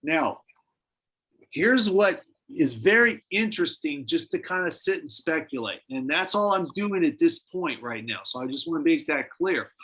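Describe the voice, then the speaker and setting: A man with a somewhat high voice leads a church Bible study. He talks in a relaxed, musing way, often restarting his sentences as he thinks aloud. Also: normal speed, husky, poor audio. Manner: conversational, speculative, many restarts. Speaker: pastor.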